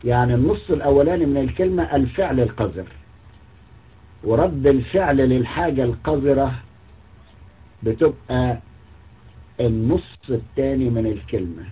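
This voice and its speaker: A man's voice: mid-range voice, moderate pace, long pauses, husky. A man with an Egyptian Arabic accent giving a mocking, scornful polemical monologue, lecturing as a religious critic. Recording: tinny phone-like audio.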